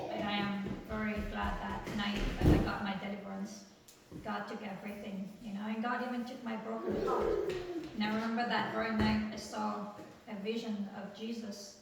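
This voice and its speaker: A woman giving a personal testimony in church, speaking earnestly and haltingly, with many fillers and tag questions. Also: mid-range voice, little pitch movement, gravelly. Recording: very echoey church room, far from the mic, noisy.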